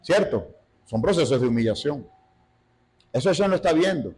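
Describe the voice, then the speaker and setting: A man teaching a Bible study in sermon style, animated, asking rhetorical questions and acting out quotes. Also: a little high, moderate pace, husky, low-quality recording.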